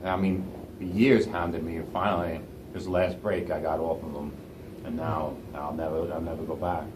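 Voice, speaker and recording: A Marine veteran speaks plainly and with determination. His voice sits very low. Clear ambient noise runs behind him. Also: level tone, normal speed. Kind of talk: casual interview talk.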